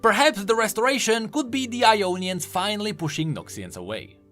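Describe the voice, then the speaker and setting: Over background music, a male narrator tells video game lore from a script, his delivery dramatic and emphatic. He has a high, animated voice with a bright, forceful tone and talks at normal speed.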